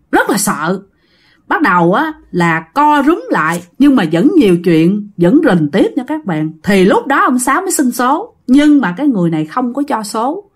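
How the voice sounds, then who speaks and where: A woman with a Southern Vietnamese accent telling a ghost story in a chatty way, talking to listeners. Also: mid-range voice. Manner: chatty, addressing listeners directly. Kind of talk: casual ghost story narration.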